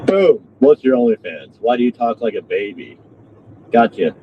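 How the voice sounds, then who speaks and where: A man's voice: medium pitch, sing-song, normal speed. A man bantering casually on a livestream in a crude, taunting way. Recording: muffled lo-fi stream with background noise.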